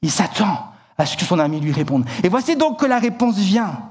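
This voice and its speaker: A man preaching a sermon in church, telling a story vividly and acting out the shouted lines, often repeating words and restarting. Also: high voice, sing-song, fairly quick, breathy edge.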